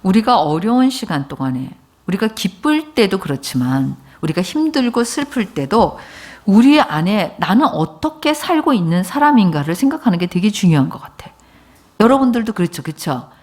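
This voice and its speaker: A woman's voice: mid-range voice, big pitch swings, normal speed, a little mellow. A woman pastor giving a sermon, telling a personal story in an informal, conversational way and speaking directly to her congregation. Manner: informal, conversational speech mixed with polite forms.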